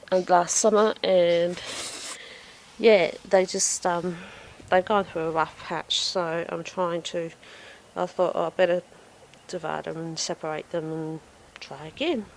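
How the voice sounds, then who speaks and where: Slow-talking woman touring her garden. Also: lowish voice, fairly even intonation, a little hiss or hum. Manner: chatty, self-deprecating, with frequent ums and laughs. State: slightly out of breath. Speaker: home gardener vlogger. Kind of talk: casual garden walkthrough. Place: outdoors in a backyard garden.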